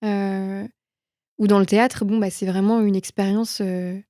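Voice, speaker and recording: Recorded close and dry with no room sound, a young French film production manager speaks as an interview guest, her mid-range voice mellow and soft-edged. Her delivery is flat and a little slow as she reflects casually on her own life through anecdotes, rephrasing her thoughts mid-sentence.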